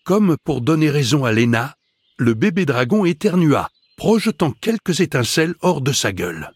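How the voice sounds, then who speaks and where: A man narrating a children's fantasy audiobook in a measured, expressive way. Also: a little high, husky, no echo.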